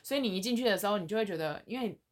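A woman's voice: medium pitch, lively intonation, racing. A young woman, co-hosting a podcast in casual chat, telling stories in an earnest, reflective way. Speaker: podcast co-host.

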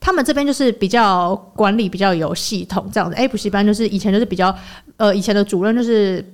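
A woman's voice: medium pitch, fast talker. A young woman, co-hosting a casual chat and telling stories animatedly, acting out the people she quotes. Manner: animated storyteller who acts out quoted people. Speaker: podcast co-host.

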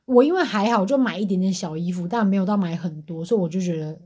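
A woman's voice: fairly low pitch, fast talker, dark tone, slightly rough. A woman with a Taiwanese Mandarin accent, chatting casually as a podcast co-host and telling anecdotes.

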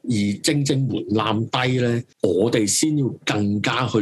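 A man's voice: medium pitch, a little slow, breathy edge. A man with a Hong Kong Cantonese accent hosting a casual, opinionated live stream, emphatic and rambling, circling back over his phrases and swearing freely. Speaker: talk show host.

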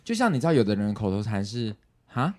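A man, co-hosting a casual podcast chat and telling animated stories. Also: lowish voice, quick pace, slight background noise. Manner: animated storyteller, mimics others. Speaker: podcast co-host.

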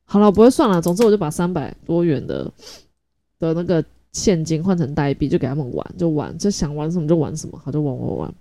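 A woman tells a casual podcast story, quick and chatty, often laughing and thinking out loud. Her voice sits low and very dark. It is recorded dry and close. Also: dry recording. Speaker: podcast host.

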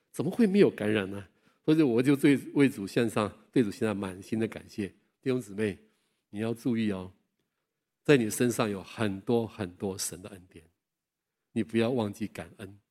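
Older pastor telling lively stories. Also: male voice, on the low side. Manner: animated storytelling with self-deprecating humor; chatty, asks the listeners questions. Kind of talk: sermon with personal stories.

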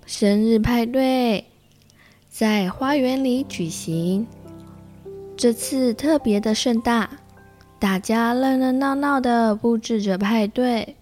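A woman with a Taiwanese Mandarin accent reading a children's picture book aloud, slowly and gently. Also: fairly high pitch, faint music behind. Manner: slow, gentle and expressive. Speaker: storyteller.

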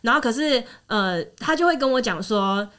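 A woman in her thirties with a Taiwanese Mandarin accent, hosting a casual podcast chat with animated, laughing protests. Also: on the high side, moderate pace, smooth. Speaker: podcast host.

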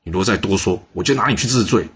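A man's voice: low voice, quick pace, a bit bright, breathy edge, heavily acted. A man voicing a scheming, domineering chief minister who curtly threatens a servant, in an audio story. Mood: threatening. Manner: curt, threatening.

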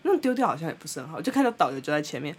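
A young Taiwanese woman with a Taiwanese Mandarin accent, co-hosting a podcast and telling a story in a blunt, animated way, laughing often. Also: low-pitched, very fast, breathy edge. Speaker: podcast co-host. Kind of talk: casual storytelling chat.

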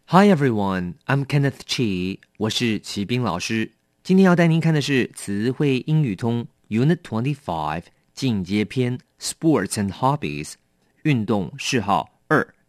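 A man teaching English vocabulary, explaining each word slowly and mixing Chinese with English. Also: medium pitch, expressive, no echo, studio quality. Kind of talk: bilingual vocabulary lesson.

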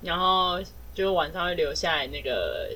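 Young woman podcast co-host, bright and expressive, casual teasing listener. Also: lowish voice, normal speed. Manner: reactive listener, laughs and teases. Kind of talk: casual chat.

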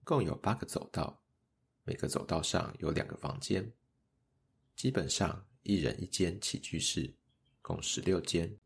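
Deep husky guy reading a kids story, calm and steady. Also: measured pace. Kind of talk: children's story narration.

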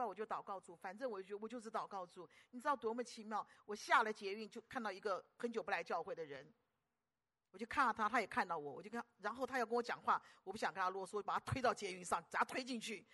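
Bright-voiced older woman preacher, teasing. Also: medium pitch, quick pace. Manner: animated, teasing, full of rhetorical questions. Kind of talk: sermon.

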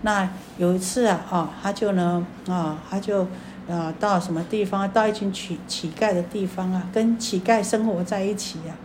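A woman Buddhist teacher giving a dharma talk. She tells stories and speaks directly to her audience, with drawn-out particles at the ends of her phrases. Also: mid-range voice, fairly even intonation, a little mellow, slight background noise.

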